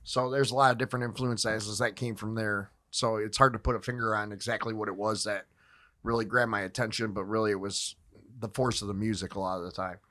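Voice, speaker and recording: A man's voice: on the low side, steady tone, brisk, fairly bright tone. A man in his forties, a guitarist and songwriter, talking casually on a podcast in a rambling way and laughing often. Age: 40s.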